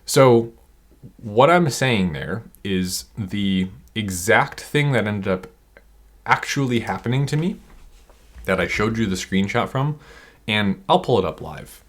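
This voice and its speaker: A man with an energetic, rambling manner, coaching online sellers through a screen-share tutorial. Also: on the low side, slow. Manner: energetic, rambling, self-interrupting.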